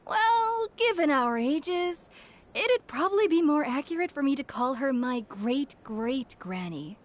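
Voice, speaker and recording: A woman's voice: high-pitched, expressive, a little slow. A woman playing a cheeky, genial young tavern keeper in a video game, chatty and polite. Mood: teasing, cheerful. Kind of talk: animated video game acting. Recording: music behind the voice.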